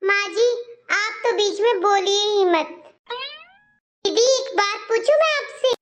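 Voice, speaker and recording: Woman doing a polite, quietly firm young wife, cartoon story, very high voice. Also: animated, takes it slowly, a little hiss or hum, exaggerated voice. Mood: calm. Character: patient clever young daughter-in-law.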